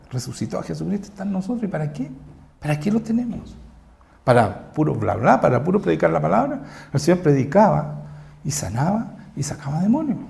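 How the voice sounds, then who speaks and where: A man with a Chilean accent, a pastor preaching a sermon, firing rhetorical questions and swinging between loud and low delivery. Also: gravelly. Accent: Chilean Spanish. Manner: emphatic, fires rhetorical questions at the congregation.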